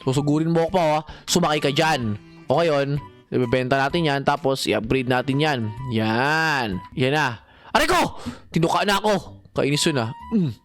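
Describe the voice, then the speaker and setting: A young man giving excited gameplay commentary, talking to viewers and his in-game pet with frequent shouts. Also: medium pitch, moderate pace, soft background music. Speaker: gaming channel host.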